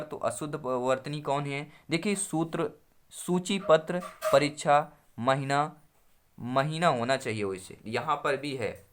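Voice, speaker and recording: Higher-pitched male Hindi exam-prep teacher. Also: a bit bright. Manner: addresses viewers as friends, repeats answers, asks them to reply. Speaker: Hindi teacher at a coaching channel. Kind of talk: exam-prep lesson explaining questions.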